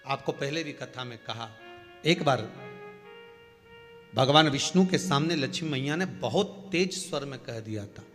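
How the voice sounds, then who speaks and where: A male storyteller preaches with a forceful, bright, fairly high voice, pushing rhetorical questions at his listeners. A long hall reverb and faint instrumental music surround him. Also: expressive, measured pace. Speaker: religious storyteller. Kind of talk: devotional story sermon.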